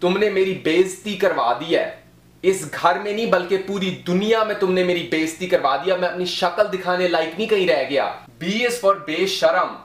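Brief: man as a strict, sarcastic sketch dad, loud, highish voice, echoey room. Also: normal speed, distant mic. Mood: scolding. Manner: loud, sarcastic, insulting scolding. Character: strict, angry middle-aged father. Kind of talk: comedy sketch.

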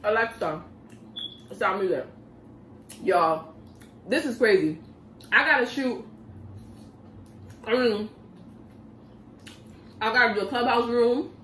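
A woman's voice: a little high, slow, pauses often, a bit bright, a little hiss or hum. A woman vlogger chatting casually in slang while eating, talking between bites at home. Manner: laid-back and slangy, talks between bites. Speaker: mukbang vlogger. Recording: echoey room from a distance.

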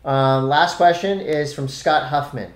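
A man's voice: mid-range voice, fairly even intonation. A joking man on a roomy podcast. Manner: quick, joking banter. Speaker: podcast co-host. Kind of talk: casual podcast chat.

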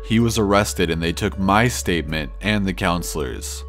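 A man narrating true scary stories in a slow, measured storytelling manner. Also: sits low, lively intonation, fairly bright tone. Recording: faint music under the voice.

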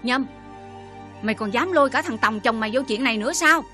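A woman's voice: fairly high pitch, lively intonation, a little fast, soft background music. A scornful older village mother. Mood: scornful anger. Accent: Southern Vietnamese. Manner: sharp, sarcastic scolding.

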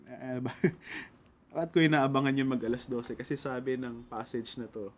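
A man's voice: mid-range voice, steady tone, normal speed. Earnest Filipino man preaching devotionally. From Philippines. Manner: earnest, mixes Tagalog and English, polite "po". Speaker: radio pastor. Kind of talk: devotional sermon.

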